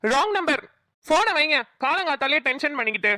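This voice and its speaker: Woman as a harried young man, cartoon, high, irritated. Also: expressive, a little fast, pushed and bright, no echo. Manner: irritated, exasperated. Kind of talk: cartoon voice acting.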